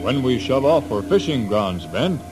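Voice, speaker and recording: An actor playing a stoic, drily teasing tracker who speaks clipped broken English in an old-time radio adventure. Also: male voice, mid-range voice, very animated, moderate pace, music in the background, lightly acted. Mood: observant. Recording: noisy old radio drama recording.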